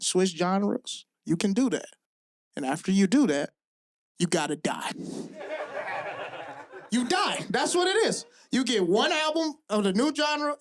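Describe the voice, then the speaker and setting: Speaking in a high voice, a Southern American man does live stand-up comedy at a club. His set is loose and full of profanity, and he shouts as he hits each punchline.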